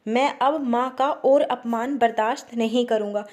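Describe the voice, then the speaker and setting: A woman reading the lines of an angry young husband who defends his mother, in a sharp, scolding way. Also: a little high, fairly even intonation, moderate pace, lightly acted.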